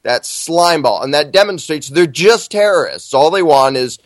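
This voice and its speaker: A man's voice: a little high, expressive, moderate pace, no room sound. Plainspoken man with a dry, close sound. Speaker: interview guest. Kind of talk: conversational account and opinion.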